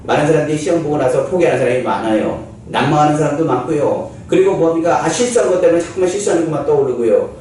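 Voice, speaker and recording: Male pastor, sermon; lively, animated delivery with a mellow tone; distant mic in an echoey hall. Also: on the high side, quick pace, hardly any pauses, slight background noise. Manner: preaching with rhetorical questions and dramatic quoted lines. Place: church sanctuary.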